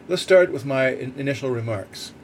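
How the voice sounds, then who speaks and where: A man records on a boat with faint heating noise behind him, reading an article aloud at a middling pitch. He hosts his own podcast, explaining and arguing his points with asides and rhetorical questions. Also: animated, moderate pace. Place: on a boat in a snowstorm. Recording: clear background heater noise aboard boat. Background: background noise of boat heating.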